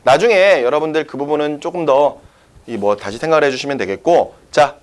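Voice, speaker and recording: A man's voice: a little high, a little fast. A man teaching a science class, explaining step by step and often checking whether the students follow. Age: young adult. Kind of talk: classroom lecture.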